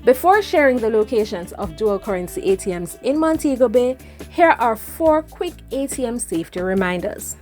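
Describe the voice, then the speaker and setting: A woman hosts a travel advice vlog in a somewhat high-pitched voice. Her scripted delivery is upbeat and neatly ordered, moving step by step. Light music plays behind her narration. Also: lively intonation, normal speed, darkish tone. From Jamaica. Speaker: travel vlogger and host.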